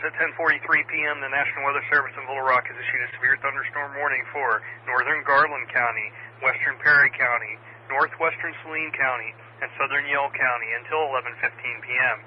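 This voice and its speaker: Fast-talking American man on crackly radio. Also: mid-range voice, steady tone. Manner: procedural, spelling out call signs. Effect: two-way radio. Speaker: amateur radio net control operator. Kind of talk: radio net dispatch, reading weather warnings. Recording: phone-like radio audio with static noise.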